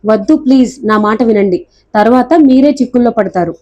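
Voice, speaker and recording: A petulant young man who grumbles and refuses at every turn, as a woman reads him from a novel. The voice stays mellow and a little high. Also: fairly quick, dull audio, close to an everyday voice. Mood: sulky. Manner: whiny, complaining.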